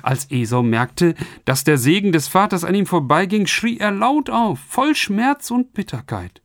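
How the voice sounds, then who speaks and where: A man's voice: sits high, sing-song, measured pace, dry recording, studio quality. A man preaching a radio sermon, speaking earnestly and turning to his listeners with direct questions.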